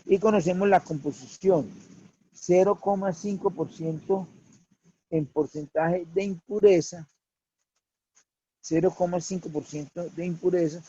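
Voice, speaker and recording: A man teaching a worked problem as a lecture, slow and deliberate, repeating key figures. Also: fairly high pitch, mellow, slightly rough, muffled recording.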